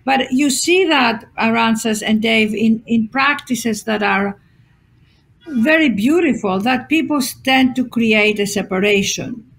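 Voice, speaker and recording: A woman's voice: on the high side, a little slow, creaky. A woman from Greece, a guest author telling stories in a conversational podcast interview and acting out the people she quotes. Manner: expressive storyteller acting out quotes, many fillers.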